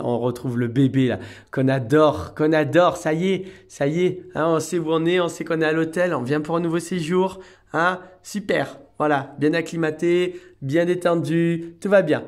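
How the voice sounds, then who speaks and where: A middle-aged French man who runs a cat hotel, talking softly to the cats in coaxing baby talk and calmly explaining to viewers. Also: a little high. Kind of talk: casual vlog narration talking to cats.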